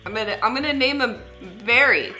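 A woman's voice: on the high side, fairly quick, sharp tone, faint music behind. A young woman speaking casually and hesitantly, rambling through comedic prank calls in a small room. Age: young adult. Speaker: prank caller, co-host.

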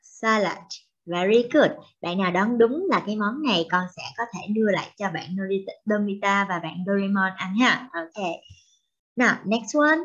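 A young woman with a Vietnamese accent, a native Vietnamese speaker, teaching children English vocabulary in a slow, drawn-out, cheerful way. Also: medium pitch, expressive, a bit bright. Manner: switches between English and Vietnamese. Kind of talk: bilingual children's vocabulary lesson. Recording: dull lo-fi recording.

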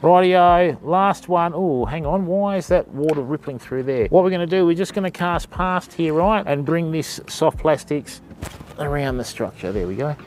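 A middle-aged Australian man with a slightly high, somewhat mellow voice chats at a moderate pace, offering casual fishing commentary and tips during a live stream from his kayak on a river. He talks to himself and addresses viewers as people, picked up by an action camera mounted on the kayak outdoors among the river and bank, with a faint hiss or hum.

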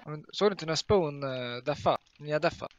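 A man's voice: a little high, lo-fi sound. A man co-hosting a live stream, talking in casual gaming banter and swearing freely.

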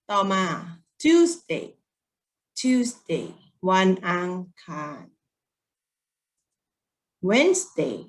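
A woman with a Thai accent teaching children English, speaking gently and encouragingly and drilling words slowly with repeat-after-me. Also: mid-range voice.

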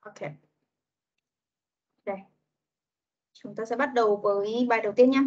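A woman leads young children through an online English lesson with a high voice. She coaxes answers from them and slows right down to model words for them to repeat. The video-call audio is muffled and lo-fi. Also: fairly even intonation, warm tone, slight background noise.

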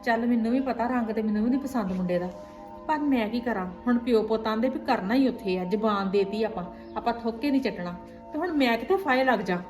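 A woman's voice: on the high side, quick pace, soft background music, lightly acted. A middle-aged woman playing a blunt, scolding village mother. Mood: worried. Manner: scolding, blunt, rhetorical questions. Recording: echoey room.

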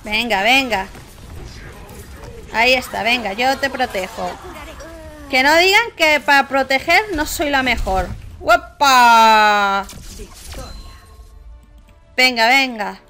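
A young woman from Spain with a Spanish accent, giving excitable live gameplay commentary and often shrieking and laughing. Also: sits high, measured pace, pauses often, soft background music. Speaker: gaming YouTuber.

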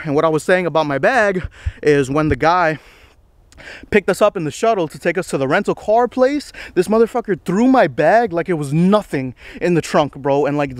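A man's voice: fairly high pitch, no echo. A man in his twenties talking casually to the camera while walking a wooded trail, rambling in slang and a little out of breath. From United States. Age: 20s. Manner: rambling, slangy, self-deprecating, says bro a lot. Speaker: vlogger. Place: outdoors on a wooded estate trail.

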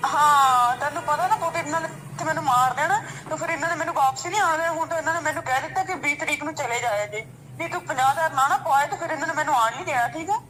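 A woman's voice: high-pitched, rapid-fire, bright, forceful tone, a little hiss or hum, low-quality recording. A woman phoning as a scam caller who claims to be an aunt, pleading and insistent, sometimes crying.

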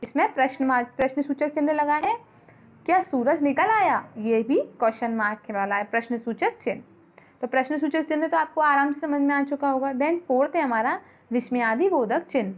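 A woman's voice: sits high, fairly quick. A woman school teacher giving a grammar lesson, patiently repeating points and quizzing her students as she goes.

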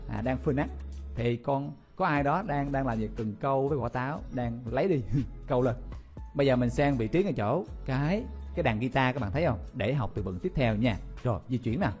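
Man, playful vocabulary teacher, mid-pitched voice, soft music behind. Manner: lively, playful, exclaiming and repeating words. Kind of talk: memory-palace vocabulary lesson.

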